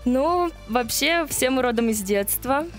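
A woman's voice: high-pitched, expressive, a little slow, faint music behind. A woman in her thirties speaking as a studio interview guest, telling stories conversationally. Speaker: interview guest, nature park founder. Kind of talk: conversational storytelling. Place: small TV studio.

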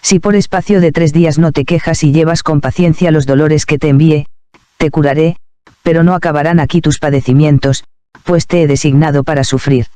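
A man reading the measured, grave lines of a stern yet tender male divine voice in a devotional story. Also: on the high side, fairly even intonation, warm tone, smooth, no room sound, close to an everyday voice. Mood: admonishing.

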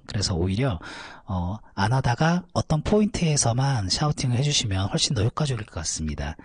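A man teaching a vocal lesson, calmly explaining technique between high belted demonstrations. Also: husky, no echo. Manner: explains calmly, then belts high shouted notes. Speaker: vocal coach.

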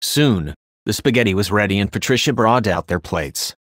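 A man tells his own crude comic story in a flat, deadpan way, at a moderate pace. His voice is fairly low, and the recording is close-miked and fully dry with no echo.

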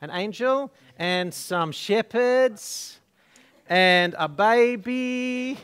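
Guy pastor at a church service, fairly high voice, slow and playful, getting everyone to shout the prompts. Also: clear, resonant tone. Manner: playful, coaching the crowd through call-and-response prompts. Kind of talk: leading a Christmas children's story.

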